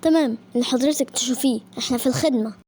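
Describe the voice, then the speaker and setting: A woman voicing a calm, formal male police officer, in Egyptian Arabic. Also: high voice, very fast, background noise, voice pushed down, close to an everyday voice. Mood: stern. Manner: formal, curt.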